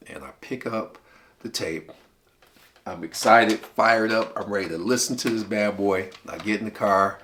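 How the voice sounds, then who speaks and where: A man, casually telling a personal story to his viewers, relaxed and chatty with frequent laughs. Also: lowish voice, moderate pace, a little hiss or hum. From Detroit, USA. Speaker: channel host.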